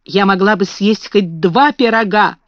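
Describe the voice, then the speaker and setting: A woman voicing a poor, frightened young servant girl who pleads in a high, tearful voice, in a dull lo-fi recording. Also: a little slow, a bit bright, no echo, lightly acted. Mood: despairing.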